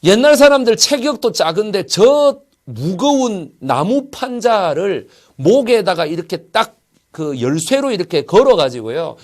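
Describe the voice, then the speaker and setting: Man, 40s, history lecturer, animated rhetorical questions, fairly high voice, very lively intonation. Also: a little slow. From Busan, South Korea. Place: studio, alone.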